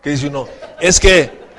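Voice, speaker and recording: A man's voice: a little high, slow pace, a bit bright. A man preaching a sermon as pastor, asking the congregation questions and acting out quoted voices.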